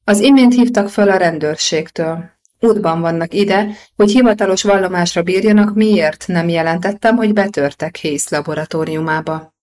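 A woman's voice: fairly low pitch, natural voice. A woman reading an audiobook voices an angry female clinic director who scolds sharply. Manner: sharp and scolding, softening later.

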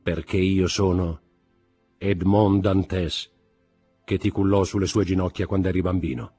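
A man voicing a mysterious nobleman who speaks calmly, gently and firmly, with a husky voice. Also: low-pitched, a little slow, faint music behind. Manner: calm, gentle, firm.

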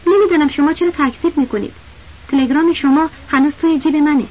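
A woman's voice: high voice, close to an everyday voice. A woman reading the lines of a male village school principal, a chatty know-it-all who keeps cutting in with insistent, knowing remarks. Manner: knowing, insistent, talks over others. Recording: dull lo-fi audiobook recording with faint hiss.

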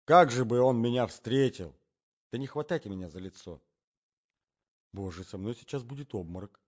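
A man voicing a jealous, panicky gentleman who pleads and exclaims in fright. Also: mid-range voice, normal speed, lo-fi sound, natural voice. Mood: panicked. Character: jealous panicky middle-aged gentleman hiding under a bed. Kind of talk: audiobook character reading.

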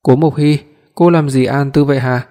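A man's voice: mid-range voice, fairly even intonation, moderate pace, mellow, lightly acted. A man voicing a hot-headed young man who scolds angrily in an audiobook. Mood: scolding. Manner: scolding, angry. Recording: long hall reverb.

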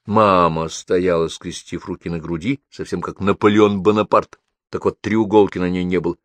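A man narrating a first-person story as an audiobook reader, in a lively, expressive reading. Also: moderate pace, no room sound. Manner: lively, expressive reading with wide pitch swings.

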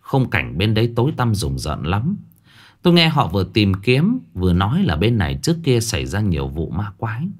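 Guy reading a ghost story, lowish voice, goes up and down a lot. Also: fairly quick. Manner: expressive storytelling. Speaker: narrator.

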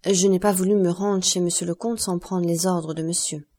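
A woman's voice: lowish voice, fairly even intonation, normal speed, dark tone, natural voice. A woman reading the part of a cautious male valet, speaking respectfully and deferentially.

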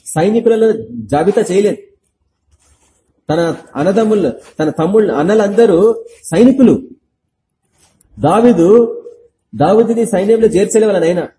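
A man's voice: high voice, warm tone, slight background noise, poor audio. A man preaching an impassioned sermon, pressing his listeners with rhetorical questions.

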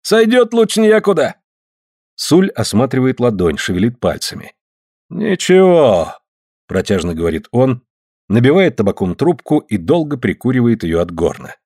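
Guy narrating an audiobook, expressive, very animated pitch, dry recording. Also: brisk, slightly rough, no room sound. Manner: expressive storytelling.

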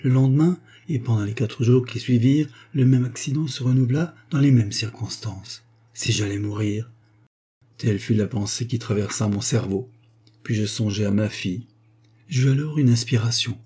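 Male narrator reading a novel: dark, husky, steady. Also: fairly low pitch, normal speed. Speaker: audiobook reader. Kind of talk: scripted narration.

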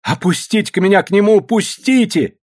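A man's voice: normal speed, a little mellow. A man voicing a furious young daughter scolding her father in an audiobook. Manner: scolding, shrill. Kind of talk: audiobook character voice.

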